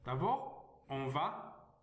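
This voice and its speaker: A man teaching French reading, reading slowly, breaking words into syllables and repeating them. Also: medium pitch, very animated, a bit bright. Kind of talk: slow reading lesson. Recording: echoey room.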